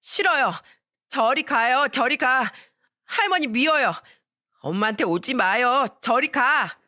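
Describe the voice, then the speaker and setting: A narrator voicing a small boy who is tearful and fiercely protective, pleading in a shrill voice. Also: animated, slow pace, pushed and bright, heavily acted. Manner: shrill, pleading, near tears.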